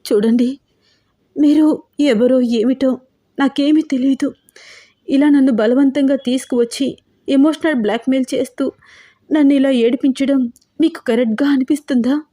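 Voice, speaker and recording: A woman's voice: high-pitched, steady tone, normal speed, pauses often, warm tone, voice pushed up. A woman voicing a tearful, frightened young captive. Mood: pleading. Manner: pleading, tearful. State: crying.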